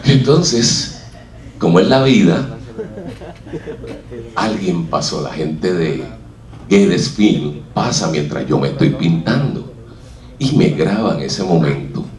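A man's voice: low voice, expressive, slow, pauses often, darkish tone. A Puerto Rican man with a Puerto Rican Spanish accent, telling his life story on stage and acting out what others said. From Puerto Rico. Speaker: speaker at a talk. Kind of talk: personal storytelling talk. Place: stage in a hall with an audience. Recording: echoey hall, voice from a distance.

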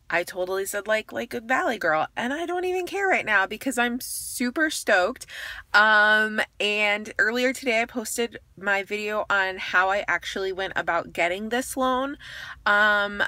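Young woman rambling happily on her vlog, lots of ums and likes, bright voice, dry close sound. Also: mid-range voice, dry recording. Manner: bubbly, chatty, lots of "um" and "like". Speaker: vlogger. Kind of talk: excited casual vlog.

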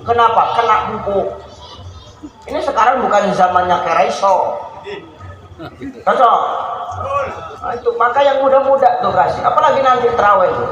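High-voiced man preaching in an echoey hall. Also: normal speed, pauses often, lo-fi sound, faint music behind. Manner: lively, jokey, addresses the audience as "Pak". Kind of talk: humorous sermon. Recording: echoey hall with faint background noise.

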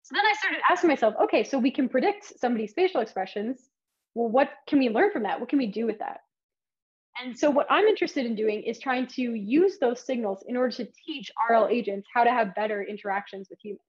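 A woman's voice: a little high, lively intonation, fast talker, dull audio. A woman giving an academic lecture, explaining her research in an enthusiastic, conversational way.

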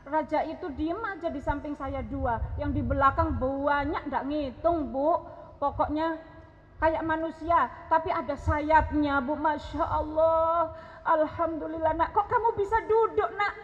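High-voiced woman preaching in an echoing hall. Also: steady tone, a little slow. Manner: impassioned, rising to pleading cries. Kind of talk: emotional sermon testimony. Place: large hall. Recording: lo-fi with long hall reverb.

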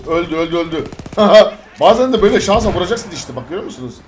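A man talks through a shooter match in a casual, excitable way, slightly higher in pitch than most men. He swears and barks orders at his teammates. Loud gunfire and explosions from the game fill the recording. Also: very fast, noisy background. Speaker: gamer. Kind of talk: casual gameplay commentary. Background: game gunfire and bombardment.

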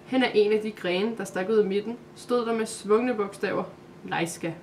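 A woman narrating a Christmas calendar story aloud, in a calm, steady way. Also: mid-range voice, slight background noise.

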